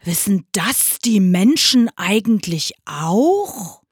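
A woman voicing a loud, simple male ox who wants to drink and sleep in a storybook fable. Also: medium pitch, big pitch swings, slightly rough, no echo, studio quality, full character voice. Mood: abashed. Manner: loud, drawn-out bellowing.

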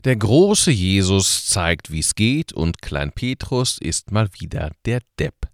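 A man's voice: fairly low pitch, sing-song, slow pace, vocal fry, no echo, studio quality. A man leading a short radio service and preaching in a colloquial, ironic way. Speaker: pastor. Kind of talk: radio sermon.

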